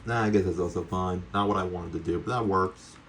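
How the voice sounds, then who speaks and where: Deep-voiced man chatting through a game, noisy background. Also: fairly even intonation, brisk, fairly bright tone. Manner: chatty, rambling, talks to viewers; casually sweary. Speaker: video game streamer. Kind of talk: casual gameplay commentary.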